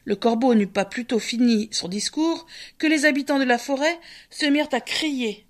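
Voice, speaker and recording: Woman narrator, storybook reading, a touch higher-pitched, expressive. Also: moderate pace.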